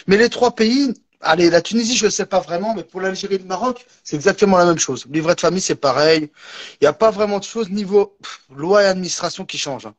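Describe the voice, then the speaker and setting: A man's voice: sits high, fast talker. A man on a live stream, explaining things hesitantly with many fillers. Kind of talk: casual chat.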